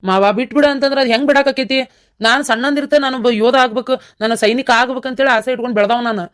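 Someone voicing a quick earnest village youth. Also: mid-range voice, fairly even intonation, a bit bright, natural voice. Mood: determined. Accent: North Karnataka Kannada. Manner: earnest, stubborn. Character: young man determined to become a soldier. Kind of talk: cartoon voice acting.

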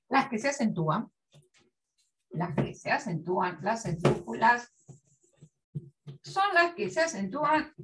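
A woman teacher giving a literature lesson, slowly spelling out syllables and repeating her examples. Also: fairly high pitch, a bit bright, distant mic. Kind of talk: classroom lesson.

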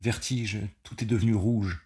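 A man voicing an alien male mind that seizes a man's body, repeating itself slowly and insistently. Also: lowish voice, steady tone, dark tone, slightly rough. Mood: feigning confusion. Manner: insistent, slow repetition.

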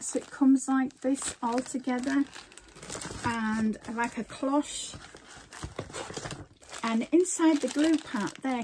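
With slight background noise behind her, an older crafting vlogger chats about her craft supplies at home in a relaxed show-and-tell. Her high, somewhat mellow voice rambles along, often breaking off mid-sentence.

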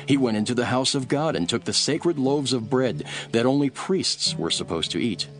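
An actor playing Jesus as a calm, authoritative teacher in a dramatised scripture reading, measured and solemn. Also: male voice, medium pitch, soft background music, close to an everyday voice. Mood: firm.

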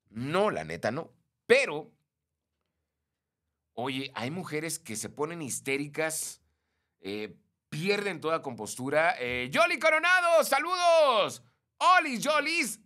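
Animated Mexican man chatting live. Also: fairly high pitch. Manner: animated, greets viewers by name, mimics shrieks. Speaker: live stream host. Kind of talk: casual live chat reading comments.

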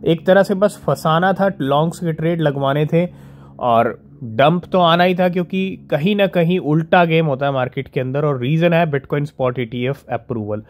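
Man, slightly raised pitch, casual crypto news vlog, slow-read English headlines, frequent check-ins. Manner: reads English headlines slowly, then explains in Hindi; keeps asking "ठीक है?" to check in with viewers. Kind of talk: casual screen-recorded news commentary.

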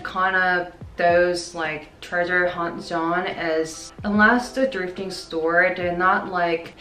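A woman's voice: on the low side, a bit bright. A woman, chatting casually to camera about clothes she bought, full of "like" fillers. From South Korea. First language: Korean. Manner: chatty, many "like" fillers, upbeat. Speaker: fashion vlogger. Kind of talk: casual try-on haul talk to camera. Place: plain indoor room by a wall. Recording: echoey room with music bed.

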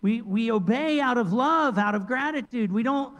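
High-voiced preaching man in reverberant church. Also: normal speed, lo-fi sound. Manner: lively preaching, jumps between loud emphasis and quiet asides. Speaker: pastor. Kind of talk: sermon. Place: large church sanctuary. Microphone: handheld microphone.

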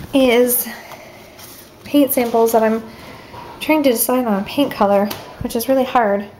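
Slightly breathless and full of filler words, a young woman chats cheerfully while showing off the spare room upstairs in her house on a handheld camera. It's a casual home tour vlog, and her high, somewhat mellow voice comes with a little hiss or hum.

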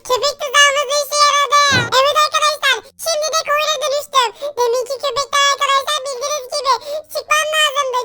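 A man's voice: very high-pitched, pushed and bright, exaggerated voice. A man voicing a mischievous baby prankster who narrates a block-building game to viewers in a chirpy way. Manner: chirpy, keeps saying "friends" to viewers.

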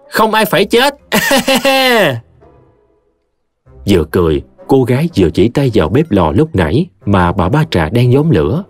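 A man's voice: on the low side, no room sound. A man narrating a story expressively. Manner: expressive, lilting delivery.

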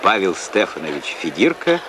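A man's voice: deep voice, very animated, normal speed. A man narrating an old Soviet newsreel from a script, with a formal announcer's delivery. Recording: noisy 1980s archive newsreel soundtrack.

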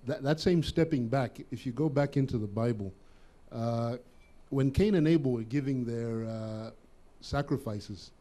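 A man's voice: mid-range voice, a little slow, warm tone. A man speaking as a guest in a casual interview, earnest and reflective, repeating words as he thinks.

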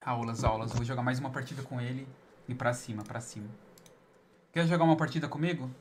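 A man's voice: mid-range voice, fast, a little hiss or hum. A young man live-streaming a game, chatting with viewers in a teasing, over-the-top way.

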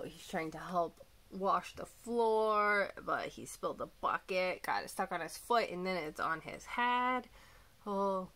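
Slow, bright-voiced woman reading to children. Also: mid-range voice. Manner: slow, clear, gentle storytelling with asides. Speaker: teacher. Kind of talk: storybook read-aloud for young children.

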